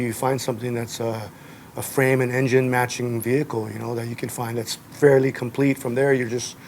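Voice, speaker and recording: A man who grew up in Japan, talking in a relaxed, rambling way on camera and often saying "man" and "you know". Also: medium pitch, slight background noise. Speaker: interviewee. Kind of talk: casual on-camera interview.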